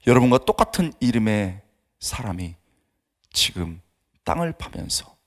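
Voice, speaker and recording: Male pastor, middle-aged, lively pitch, sermon storyteller who dips into whispers. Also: a little slow. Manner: animated storytelling, acts out dialogue, drops to whispers. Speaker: pastor and seminary professor. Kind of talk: dawn service sermon.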